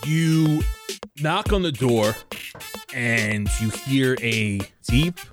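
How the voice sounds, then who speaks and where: Man, game master, relaxed tabletop narration, casual fillers, mid-pitched voice, background music. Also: very slow.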